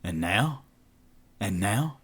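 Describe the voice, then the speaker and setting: An awkward young man apologizing with hesitation, as a male narrator does him. His voice is low and husky. He speaks in a subdued, unhappy way. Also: animated, drawn-out words, exaggerated voice. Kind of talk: audiobook narration.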